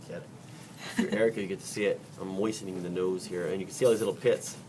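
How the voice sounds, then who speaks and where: His voice sits low and a little mellow, with fairly even intonation and a quick pace. He's a biology teacher running a dissection, chatty and jokey, quizzing the class, recorded by a distant mic in a noisy classroom.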